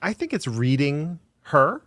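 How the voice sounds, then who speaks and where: A man's voice: on the high side, very animated, a little slow, a bit bright, no room sound. A man co-hosting a casual podcast about a video game, laid-back and a little hesitant, often repeating words as he thinks. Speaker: podcast co-host.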